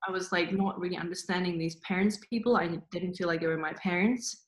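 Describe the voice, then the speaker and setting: A woman with a somewhat low voice shares her experiences in a relaxed interview. She wanders through her thoughts with frequent "like" fillers and small laughs. The sound carries a roomy echo. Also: fast. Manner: rambling, many "like" fillers, soft laughs. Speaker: guest. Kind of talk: casual spiritual interview chat.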